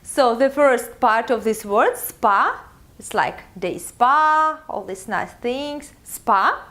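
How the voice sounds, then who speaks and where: Young Russian-accented woman, patient language teacher, unhurried, lilting higher voice. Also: animated, a bit bright. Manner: many filler pauses, drawn-out teaching pace. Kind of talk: slow, careful video lesson.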